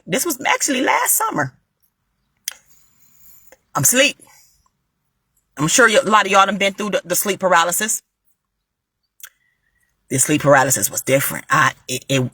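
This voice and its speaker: Animated woman speaking with husky emphasis. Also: on the low side, dry recording, clean studio sound. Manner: animated, repeats phrases for emphasis, addresses viewers as y'all. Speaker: vlogger sharing a faith testimony. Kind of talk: casual spoken testimony.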